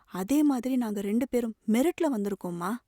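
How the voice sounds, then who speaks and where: A woman's voice: fairly high pitch, animated, normal speed, mellow, no room sound, clean studio sound. A woman reading the part of a young man, a tender, protective elder brother pleading earnestly. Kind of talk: audiobook novel reading.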